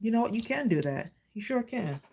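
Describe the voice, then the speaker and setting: A woman's voice: on the high side, big pitch swings, brisk, creaky, dark tone, a little hiss or hum. A woman hosting a live crafting stream, chatting and encouraging viewers while she demonstrates stamping. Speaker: craft livestream host. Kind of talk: live crafting demo chat.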